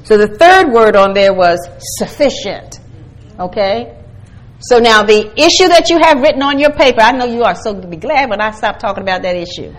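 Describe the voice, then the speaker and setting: A woman's voice: fairly high pitch, animated, a little fast, rough recording. A woman teaching a Bible study to a group, earnest and calling for responses, building to emphatic exhortation.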